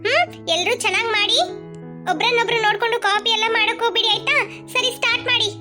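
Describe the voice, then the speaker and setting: A woman voicing a patient, motherly class teacher in a cartoon, gently instructing and scolding her pupils. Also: very high-pitched, fairly even intonation, fast. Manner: chatty, gently scolding, keeps asking "okay?". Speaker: schoolteacher. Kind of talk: cartoon voice acting. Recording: light children's music behind.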